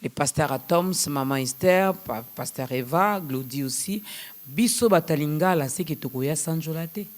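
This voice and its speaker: A man's voice: a little high, normal speed. A man with a Congolese French accent hosting a casual promotional chat, jovially repeating event details back to his guests. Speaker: talk show host.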